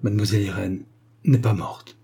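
Casual: guy voicing desperate old-novel lackey, pleading loud, husky tone. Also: lowish voice, fairly even intonation, normal speed. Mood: subdued. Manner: pleading, crying out. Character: desperate male ex-valet accomplice.

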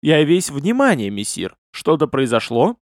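A man's voice: fairly high pitch, very animated, moderate pace, no room sound, studio quality. A male audiobook reader voicing a courteous male baron who receives a guest. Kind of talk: audiobook character voice.

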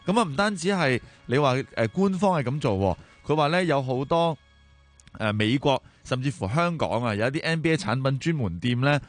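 A man's voice: medium pitch, lively intonation, moderate pace, dry recording. A man with a Hong Kong Cantonese accent hosts a talk show, commenting and telling stories in a colloquial, conversational way with rhetorical questions. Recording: music behind the voice. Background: background music.

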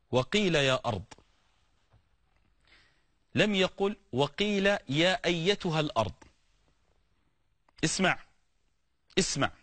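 A man preaching a sermon on the prophets, animated and explanatory, often urging the listener to listen and giving everyday examples. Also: fairly high pitch, no echo.

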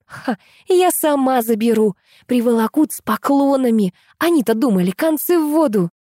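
A woman voicing an excited scheming young woman. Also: fairly high pitch, moderate pace, dry recording, clean studio sound, pitched above the performer's own voice. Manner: feverish, secretive.

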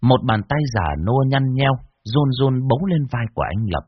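A man narrating a scripted horror story with an expressive, varied delivery. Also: medium pitch, normal speed, slightly rough, no room sound, highs cut off.

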